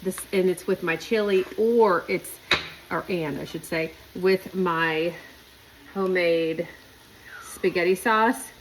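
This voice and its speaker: A woman's voice: on the low side, slow pace. Nasal woman, chatty and bubbly. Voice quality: nasal, congested. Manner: bubbly, folksy, talks to viewers. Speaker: home and cooking vlogger. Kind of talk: casual chatty cooking vlog. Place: home kitchen. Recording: kitchen noise, sizzling pan. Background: frying, sizzling, stirring.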